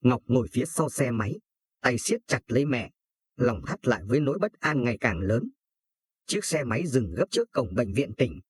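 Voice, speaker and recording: A man's voice: medium pitch, very animated, moderate pace, husky. A man narrating a sad family story in a solemn, scripted storytelling manner.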